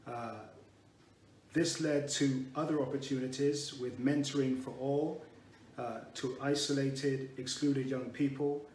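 A man reading a memorial tribute in a measured way, pausing to restart now and then. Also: medium pitch, steady tone, a little mellow. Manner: measured, reads with small restarts. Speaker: eulogy reader. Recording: roomy and distant with faint noise.

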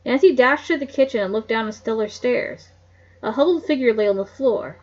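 A woman's voice: on the high side, a little fast, a little mellow, dull audio. A woman casually reading a mystery novel aloud, with small slips and restarts along the way. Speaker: reader.

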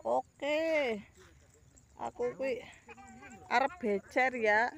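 This Javanese ngapak-accented vlogger in her thirties drifts from topic to topic, calling viewers guys as she films by rice fields on a phone held out at arm's length. Her highish voice is creaky and fairly bright, and she draws her words out.

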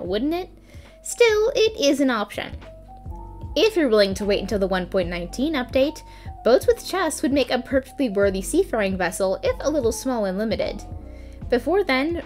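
A woman hosting a gaming video, giving scripted tutorial narration with dry, playful asides. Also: on the high side. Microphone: voice-over.

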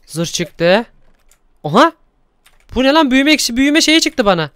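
Excitable man narrating Minecraft play. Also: very high-pitched, moderate pace, clean tone, dry recording, clean studio sound. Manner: excitable, exclaiming often, addressing viewers. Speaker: gaming YouTuber host. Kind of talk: Minecraft gameplay commentary.

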